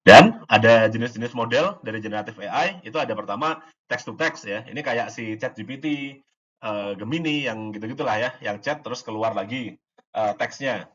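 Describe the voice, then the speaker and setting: An AI course instructor with a slightly husky, fairly low voice explains AI concepts at normal speed in a relaxed, informal lesson. His speech is loose, with fillers and restarts, and he occasionally acts out short exchanges. The recording is somewhat dull and lo-fi.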